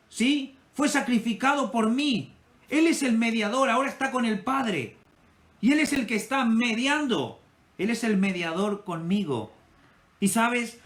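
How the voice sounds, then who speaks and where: A male pastor with an Ecuadorian Spanish accent preaching a sermon with impassioned delivery, his loudness rising and falling. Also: high-pitched.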